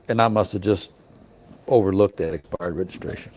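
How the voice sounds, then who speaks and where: A man's voice: sits low, moderate pace, darkish tone, a little hiss or hum. A middle-aged man who inspects trucks at a scale, telling a story in a folksy, chatty way with lots of "you know" asides. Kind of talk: casual storytelling.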